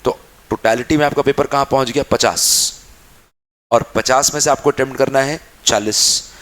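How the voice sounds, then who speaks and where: A man's voice: medium pitch, steady tone, moderate pace, a bit bright. A young man teaching a class, calling students child and dear, and acting out their questions back and forth. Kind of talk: classroom lecture.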